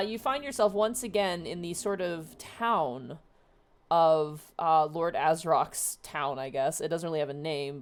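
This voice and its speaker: A woman game master improvising narration for an online tabletop game, recorded with faint noise. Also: low voice. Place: online voice call for a virtual tabletop. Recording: faint noise on home microphone.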